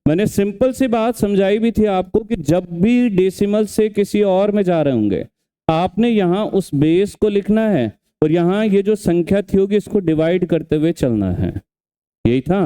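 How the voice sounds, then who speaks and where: A man's voice: high-pitched, dark tone, clean tone. A man teaching an exam revision class, who keeps quizzing and scolding his students and repeats each step. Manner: questioning, scolding, repeats steps.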